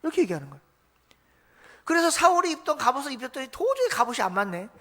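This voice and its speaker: A woman's voice: high voice, very animated, racing, a bit bright. Woman pastor preaching, quizzing the congregation. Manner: asks the congregation questions and answers them herself; acts out quoted voices of biblical figures. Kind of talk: Sunday sermon. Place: church sanctuary.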